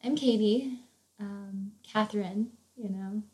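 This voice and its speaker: A woman's voice: mid-range voice, slow pace, dark tone, low-quality recording. A woman in her early twenties from Virginia, co-hosting a podcast in chatty casual talk with bubbly, giggly asides. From Northern Virginia, USA. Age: 20s. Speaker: podcast co-host. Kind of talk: casual chat.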